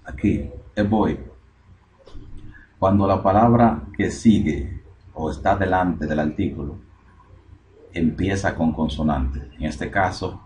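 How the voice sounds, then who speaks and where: Deep voiced guy teaching english, slow and repetitive, goes step by step. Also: darkish tone. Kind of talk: recorded language lesson.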